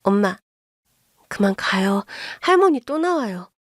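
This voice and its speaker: A woman's voice: mid-range voice, very animated, measured pace, no room sound, studio quality. A woman voicing an anxious daughter who pleads tearfully with her mother. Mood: pleading.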